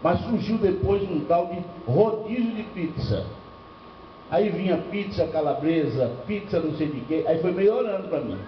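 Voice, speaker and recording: Older pastor, echoey hall. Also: male voice, sits high, lively intonation, moderate pace, slight background noise. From Bahia, northeastern Brazil. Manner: storytelling with rhetorical questions and humor. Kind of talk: church seminar preaching. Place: church hall. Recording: echoey lo-fi church recording from far off.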